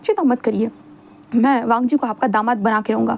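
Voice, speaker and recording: A woman's voice: a little high, steady tone, fairly quick, vocal fry, a little mellow. A woman voicing a dramatic, clingy young man who pleads, whines and schemes in a read-aloud fan fiction story. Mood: wheedling. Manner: whiny, pleading, theatrical.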